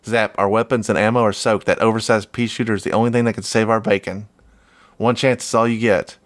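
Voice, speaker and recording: A man co-hosting a casual comic-book podcast, relaxed and laughing often as he reads panel dialogue aloud. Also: lowish voice, a little fast, dry recording. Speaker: podcast co-host.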